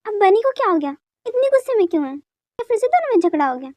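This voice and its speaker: A woman's voice: very high-pitched, very animated, quick pace, a little mellow, no echo. A woman voicing a middle-aged mother asking anxious questions about her daughter, in a dubbed fan story. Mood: worried. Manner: concerned questioning.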